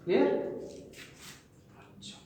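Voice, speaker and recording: A man teaching a lesson on vowel sounds, repeating each sound slowly and checking again and again that his students follow. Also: warm tone, a little hiss or hum. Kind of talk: spoken grammar lesson on vowels. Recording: very echoey room with long reverb.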